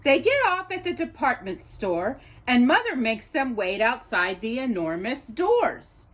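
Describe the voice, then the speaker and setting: A storytime host with a slightly high voice reads a picture book to a young child, giving it an expressive, deliberate reading.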